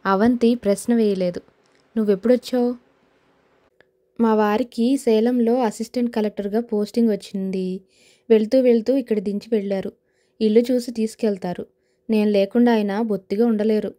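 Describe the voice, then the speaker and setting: Mellow-voiced woman reading a novel. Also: mid-range voice, steady tone, fairly quick. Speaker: audiobook narrator. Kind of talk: scripted novel narration with voiced dialogue.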